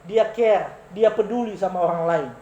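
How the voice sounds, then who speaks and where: A preacher giving an animated sermon, asking the congregation questions and answering them. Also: medium pitch, moderate pace, lo-fi sound, slight background noise. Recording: roomy, echoey room sound.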